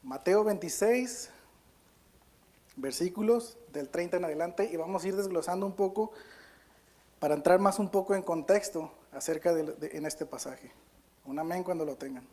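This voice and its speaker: Male pastor, higher-pitched voice, earnest and halting, pausing to correct himself, reading scripture aloud with emphasis. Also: darkish tone. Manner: reads scripture aloud with stress on key words. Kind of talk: Spanish-language sermon with Bible reading.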